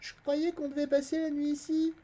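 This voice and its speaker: A reader voicing an earnest, quick-witted young farm boy in a high, eager voice, reading a fantasy novel aloud. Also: flat delivery, dark tone, natural voice. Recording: dull, lo-fi stream audio.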